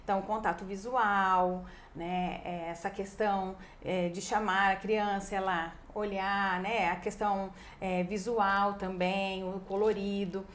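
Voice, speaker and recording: A woman with a Brazilian Portuguese accent, a speech therapist guest, explaining in a lively, chatty way and often tagging her sentences with a quick question. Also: mid-range voice, slight background noise. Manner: lively, acts out parents' voices, frequent "né". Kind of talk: casual explanatory conversation.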